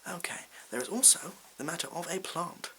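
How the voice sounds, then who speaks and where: A man playing a bumbling, self-important supply science teacher in an ASMR role-play, hesitant and rambling, with deadpan asides. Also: a little high, brisk, rough recording. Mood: patronising. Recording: hissy background noise.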